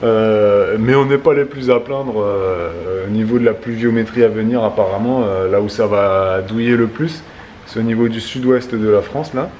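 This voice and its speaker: A man hosting a casual family vlog, talking in a halting way as he thinks aloud. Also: lowish voice, darkish tone, muffled recording, slight background noise. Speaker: vlog host.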